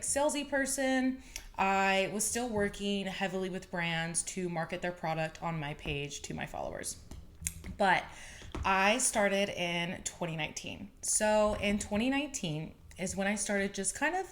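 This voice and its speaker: A woman in her twenties hosting her own podcast, telling stories in a chatty, animated way with bits of laughter. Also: medium pitch, slight background noise. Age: 20s. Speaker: podcast host. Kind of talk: casual podcast monologue.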